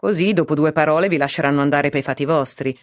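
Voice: medium pitch, fast, dry recording, clean studio sound, lightly acted. A reader voicing a stern male court official, curt and commanding, with a threatening edge.

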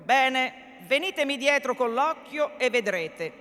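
A woman's voice: high-pitched, animated, fairly bright tone, exaggerated voice. A woman voicing a pompous, fussy old male lawyer in a theatrical reading of a novel, bustling and self-important. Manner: bustling, self-important, mutters quickly through legal text. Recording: echoey hall.

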